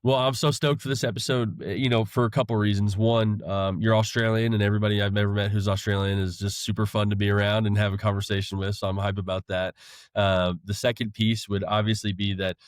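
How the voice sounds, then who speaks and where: A man's voice: fairly low pitch, level tone, fast talker, clear, resonant tone, no room sound, studio quality. An enthusiastic male podcast host with a half Southern, half Northern American accent. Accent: American, mixed Southern and Northern. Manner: upbeat, enthusiastic. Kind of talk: podcast interview.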